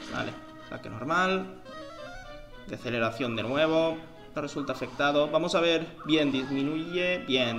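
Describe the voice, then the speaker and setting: A man's voice: mid-range voice, fairly bright tone. Chatty gamer guy. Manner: chatty, slangy, thinks aloud. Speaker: let's play gamer. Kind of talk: casual gameplay commentary.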